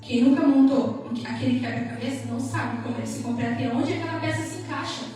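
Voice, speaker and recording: A woman's voice: sits high, steady tone, fast talker, warm tone. A Brazilian woman with a Brazilian Portuguese accent, giving an emotional church testimony in a sing-song preaching manner and acting out dialogue. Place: church hall. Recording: echoey hall from far off, music behind.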